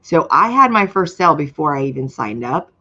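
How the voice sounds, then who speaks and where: A woman's voice: sits low, sing-song, fairly quick, bright, forceful tone, lo-fi sound. A woman in her fifties giving an earnest, emotional testimonial, speaking straight to her viewers. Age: 50s. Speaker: program member sharing her story. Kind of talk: candid personal testimonial.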